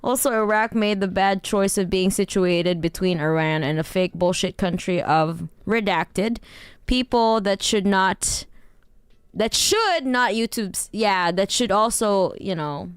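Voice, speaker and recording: A woman's voice: medium pitch, clear, resonant tone, no echo, studio quality. A woman streamer rambling in casual chat with her viewers, laughing often and swearing casually.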